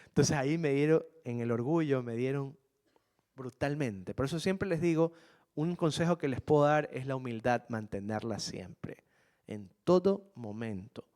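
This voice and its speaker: A man's voice: on the high side, normal speed, darkish tone. Earnest man telling his story to students. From Ecuador. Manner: earnest, repeats key phrases, addresses listeners as "jóvenes". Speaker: guest speaker to students. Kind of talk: personal storytelling talk.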